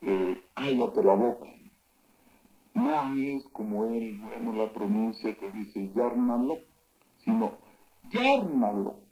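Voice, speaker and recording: A man teaching words of an old local language, saying each word slowly and loudly and then explaining its meaning. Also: lowish voice, steady tone, low-quality recording. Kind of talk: spoken vocabulary lesson.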